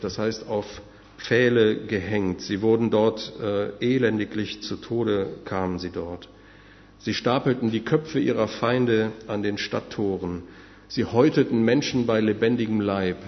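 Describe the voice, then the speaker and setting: Man, sermon, earnest, addresses listeners, dull recording, long hall reverb. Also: on the low side. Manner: earnest, addresses listeners directly, some fillers. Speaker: preacher.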